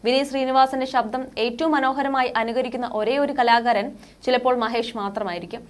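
A woman narrating a scripted entertainment news report in a steady, formal read-out manner. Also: fairly high pitch, a little fast. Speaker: news reader.

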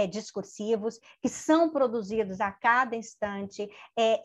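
A middle-aged woman with a slightly high voice gives an academic lecture as keynote speaker from a home office lined with bookshelves. She's hesitant, full of fillers and restarted phrases, and her webcam on the video call yields dull, lo-fi audio.

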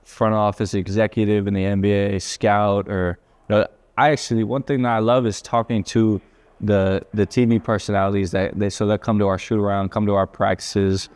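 A man's voice: on the low side, flat delivery, moderate pace, a little mellow, smooth. A young man and college athlete being interviewed over dinner, easygoing, who often restarts and repeats words. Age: young adult. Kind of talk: casual interview chat. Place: indoors at a dinner table.

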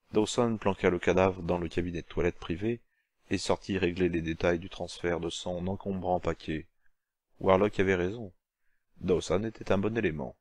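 Male narrator, deep, measured, dry booth sound. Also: no room sound. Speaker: audiobook narrator. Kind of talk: scripted narration.

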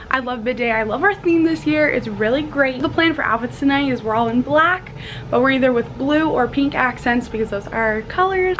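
A woman's voice: sits high, fairly bright tone. A young woman chatting casually in a bubbly sorority-girl way for a vlog, often saying "like", recorded on a handheld camera in a small room. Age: young adult. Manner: heavy use of "like". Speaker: vlogger, college sorority member. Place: small dorm room, indoors. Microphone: handheld camera at arm's length. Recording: clear room noise on camera mic.

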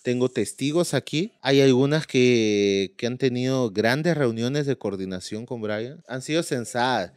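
A man's voice: mid-range voice, measured pace, hardly any pauses, no room sound, clean studio sound. A young Peruvian man with a Peruvian accent, chatting crudely and teasing a friend in a comedy podcast. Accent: Peruvian Spanish. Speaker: comedian guest. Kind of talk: casual comedy chat.

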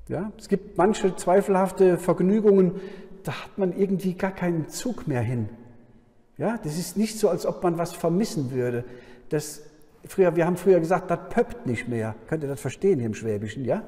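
A man preaching a sermon at a Bible conference, his voice fairly high yet mellow and dark in tone. He keeps turning to the listeners with a questioning "ja?". The sound carries a long reverb from a large hall. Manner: frequent questioning "ja?" to the audience.

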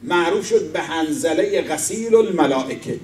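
A man's voice: on the high side, lively intonation, a little mellow, slight background noise. A man giving a religious sermon, telling a story and quoting its figures with rising emphasis. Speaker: speaker at an Islamic center. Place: mosque hall. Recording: echoey hall, voice from far off.

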